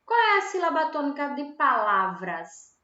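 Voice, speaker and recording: A high, bright-voiced Brazilian woman teaches young children in a slow, patient way, asking questions and then answering them herself. Her pitch rises and falls a lot. The sound is a dull, lo-fi recording in an echoey room. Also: sing-song. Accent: Brazilian Portuguese. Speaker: primary school teacher. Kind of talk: recorded online grammar lesson.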